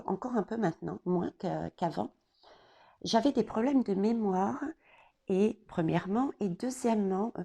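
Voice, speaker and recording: A woman giving an oracle card reading, talking straight to the viewer and pausing often on fillers. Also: medium pitch, gravelly, dark tone. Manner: hesitant, many fillers and restarts, addresses viewers directly. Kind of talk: casual spoken card reading.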